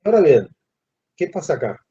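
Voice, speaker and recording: A man teaches a class, his voice dark and a little husky. He checks in with the students through questions and leaves phrases hanging. The sound is dull and lo-fi, like a classroom recording. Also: fairly high pitch, big pitch swings. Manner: asks the class questions, pauses mid-phrase. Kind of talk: classroom lecture.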